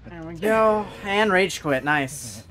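A man's voice: high voice, animated, slow pace, fairly bright tone. A man streaming a video game with casual, sarcastic live commentary. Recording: clear background game noise. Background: video game ambience.

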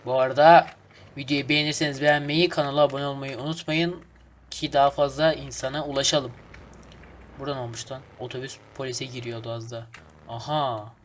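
A man casually commenting on his game as he plays, excitable and swearing at the traffic. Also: medium pitch, brisk. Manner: excitable, swears and grumbles at traffic, hums snatches of folk song. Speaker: gaming channel host. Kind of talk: casual let's play commentary.

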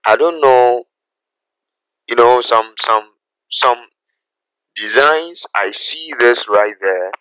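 A man teaching a graphic design software tutorial, talking through each step slowly and checking in with "okay?" as he goes. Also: medium pitch, clear, resonant tone, dry recording, low-quality recording. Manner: unhurried, repeats steps, asks "okay?" often. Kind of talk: screen-recorded software tutorial.

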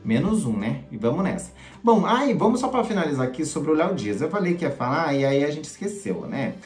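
A man's voice: a little high, very animated, a little fast, a little mellow. A man hosting a casual gossip commentary, chatty and sarcastic, often asking for agreement. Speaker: gossip channel host. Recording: echoey room with faint music.

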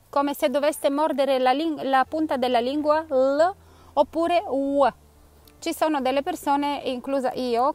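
A woman from Bulgaria with a Bulgarian accent, teaching pronunciation in a casual outdoor vlog and drilling words for learners to repeat. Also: high voice. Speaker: language teacher. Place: outdoors on an old road, windy.

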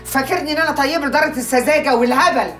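A fiery Egyptian lawyer. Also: female voice, sits high, fairly bright tone, soft background music. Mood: indignant. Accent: Egyptian Arabic. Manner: fast, fiery and insistent. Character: sharp-tongued, high-strung woman lawyer. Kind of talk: TV drama acting.

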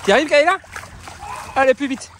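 A man's voice: very high voice, animated, normal speed, a bit bright, a little hiss or hum. A French father outdoors on a beach, filming with a handheld camera and calling out to his daughter in repeated, laughing encouragement. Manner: repetitive coaxing calls to a child, often laughing. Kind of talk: family vlog narration. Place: sandy beach by the sea, outdoors.

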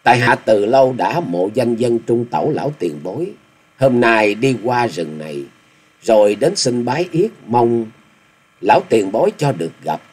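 A man's voice: medium pitch, animated, normal speed, a little mellow, slightly rough. A man voicing a polite but stubborn young male swordsman who gives formal, proud replies. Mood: earnest.

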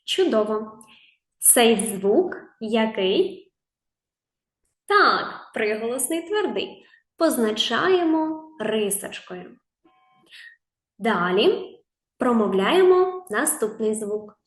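A woman teacher with a Ukrainian accent, leading a lesson for small children, drawing out each sound and asking gentle questions. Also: fairly high pitch, very animated, drawn-out words, long pauses, echoey room. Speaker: preschool teacher. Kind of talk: slow, patient lesson for young children.

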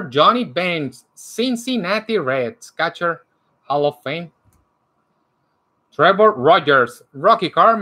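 A man hosting a card break, announcing each card by player and team in a slow, animated way. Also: a little high. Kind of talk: calling out cards during a live card break. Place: indoor room lined with card displays.

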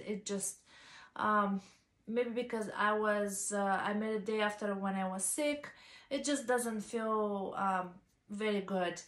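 Filmed on a camera's built-in mic a few feet away, a woman in her thirties from Bulgaria vlogs about fashion from her small living room, chatting casually with lots of ums and uhs and a Bulgarian accent. Her voice is mid-range and a bit bright, in an echoey room.

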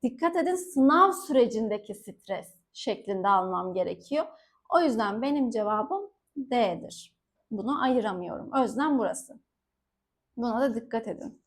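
High-voiced woman teacher drilling questions. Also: lively intonation. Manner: asks herself questions and answers them in quick call-and-response; warns students directly, stressing key words. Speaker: Turkish teacher. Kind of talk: exam-prep lesson, solving questions.

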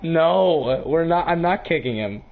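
A man chatting and shouting with friends during an online game, laughing often and getting exasperated. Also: on the high side, expressive, measured pace, vocal fry. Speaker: gaming channel host. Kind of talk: casual gaming chat with friends. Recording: dull lo-fi voice chat.

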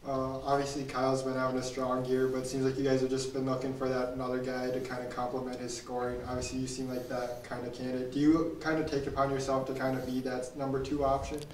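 A man fires off quick questions to the players, his delivery nearly monotone. He sounds distant from the mic in a roomy space with faint room noise behind him. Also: mid-range voice. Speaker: interviewer. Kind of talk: postgame questions.

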